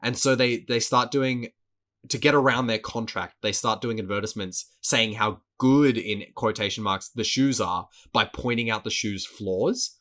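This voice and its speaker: A man's voice: lowish voice, moderate pace, a bit bright. A man co-hosting a podcast in casual chat, swearing often, laughing and repeating words as he talks. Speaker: podcast co-host.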